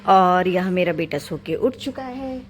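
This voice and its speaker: With a slight hiss or hum in the recording, a young woman speaks to her camera from her home kitchen, chatting about her day and her young son as she does chores. Her voice runs on the low side, with lively intonation and a measured pace.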